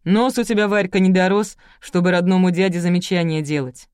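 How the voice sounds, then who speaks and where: A woman voicing a proud, sharp-tongued old grandmother in an audiobook, blunt and teasing. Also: lowish voice, fairly even intonation, a little fast, smooth, no room sound, clean studio sound, lightly acted. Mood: scolding.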